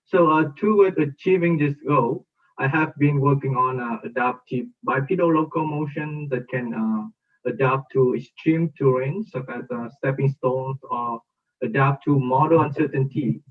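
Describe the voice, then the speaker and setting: A man speaks in a halting, hesitant way, giving an academic talk over a video call. His voice is muffled as if it comes through a wall, distant from a narrow, phone-like laptop mic. He speaks at an average pitch. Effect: muffled, as if heard through a wall. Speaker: invited conference speaker.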